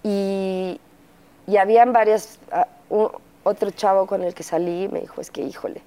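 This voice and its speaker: A woman's voice: medium pitch, fairly even intonation, unhurried, warm tone, clean tone. A woman with a Mexican accent, an interview guest candidly recounting her personal story and acting out the dialogue, with frequent fillers. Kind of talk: personal testimony in conversation.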